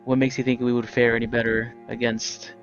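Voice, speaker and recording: A man's voice: mid-range voice, flat delivery, brisk, dull audio, soft background music. A man playing in a tabletop game, asking questions over a video call with a choppy connection. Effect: video call audio, connection breaking up. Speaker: player.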